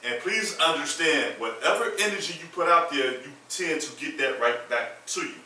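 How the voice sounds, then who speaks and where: A man's voice: a little high, lively intonation, normal speed, pushed and bright. A man hosting a panel talk show, blunt and outspoken in casual discussion. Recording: echoey room from far off.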